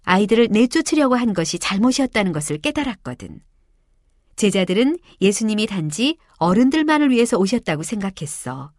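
Expressive woman telling a Bible story. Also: medium pitch, fairly quick, dry recording, clean studio sound. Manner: warm, expressive, addressing children. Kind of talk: children's Bible story narration.

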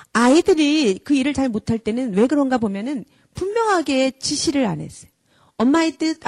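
A woman lectures parents in an earnest, emphatic way, and she acts out scolding parents as she goes. Her voice sits fairly high. The sound is dry, with no room echo. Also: darkish tone. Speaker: parenting educator and head of a character school.

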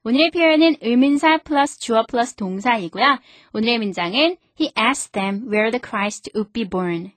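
Woman, radio English teacher, fairly high voice, friendly explainer, careful slow readings, dry studio sound. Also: animated, a bit bright, dry recording. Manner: friendly explainer, slows down to read English sentences aloud. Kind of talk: scripted radio English lesson. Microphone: studio microphone.

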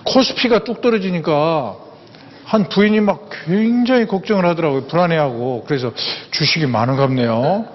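A man's voice: high voice, animated, normal speed, slight background noise. An older man giving a humorous lecture, folksy and anecdotal, repeating words for emphasis. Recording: echoey hall, dull sound, faint ambience.

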